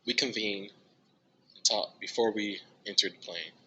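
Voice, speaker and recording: Speaking at a moderate pace, this young American drummer tells relaxed stories about his music as an interview guest. His voice is very bright, though the recording cuts off the highs and carries light noise. Quoting himself, he breaks into excited, high-pitched squeals.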